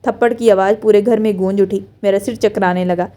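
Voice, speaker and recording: A woman narrating a first-person emotional story in a soft, earnest, subdued way. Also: mid-range voice, steady tone, fairly quick.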